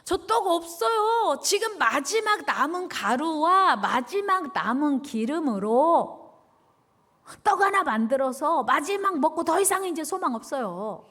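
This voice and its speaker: A woman voicing a poor, hopeless widow who pleads slowly. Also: high voice, big pitch swings, fairly bright tone, exaggerated voice. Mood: despairing. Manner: pleading, slow.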